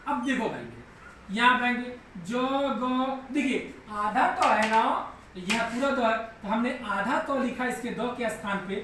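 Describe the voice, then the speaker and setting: Echoey far-off male teacher, bright tone. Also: very high voice, measured pace. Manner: patient, repeats steps, keeps checking students follow. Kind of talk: live online grammar class. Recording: very echoey room, voice far from mic, faint background noise.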